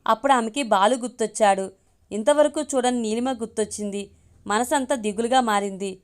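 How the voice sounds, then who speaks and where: A woman reads a romance story aloud for an audio series. Her voice is smooth and clean, sitting somewhat high, and she keeps an even, unhurried storytelling pace through the narration and the quoted lines alike.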